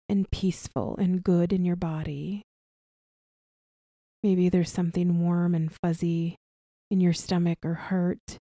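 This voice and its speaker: A woman leading a guided body relaxation as an instructor, speaking softly and soothingly with long pauses between short phrases. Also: fairly low pitch, no room sound, studio quality. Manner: soft, gentle, soothing delivery with long pauses. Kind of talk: guided somatic relaxation practice.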